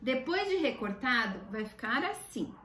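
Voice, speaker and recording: Brazilian woman, kids show host type, unhurried children's craft teacher, recorded in an echoey room from a distance. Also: high voice, sing-song, pushed and bright. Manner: simple child-directed talk with diminutives. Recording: echoey room, distant mic, faint noise.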